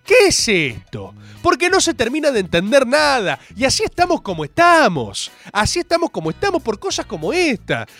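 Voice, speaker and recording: A man's voice: very high voice, a little fast, few pauses, soft background music. A young man with a Rioplatense accent hosting a show, ranting sarcastically in a monologue. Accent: Rioplatense Spanish. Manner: sarcastic, animated, mocking voices. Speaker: host.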